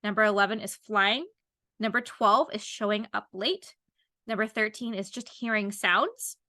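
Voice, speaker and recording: Bright-voiced chatty woman in her thirties. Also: medium pitch, normal speed, no echo, clean studio sound. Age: 30s. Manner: rambling, lots of "like" fillers. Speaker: podcast host. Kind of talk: casual chat.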